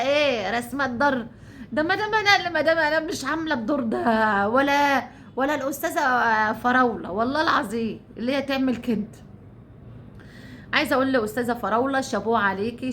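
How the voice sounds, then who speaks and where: A woman's voice: high voice, fairly bright tone, slight background noise. A woman with an Egyptian Arabic accent giving heated, repetitive ranting commentary to her channel, swearing oaths often. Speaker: YouTuber.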